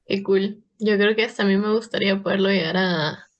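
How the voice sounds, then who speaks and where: A woman co-hosts a podcast interview and joins in with enthusiasm. Her voice sits at an ordinary middle pitch. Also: a little fast, lo-fi sound. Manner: enthusiastic, animated. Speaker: podcast co-host.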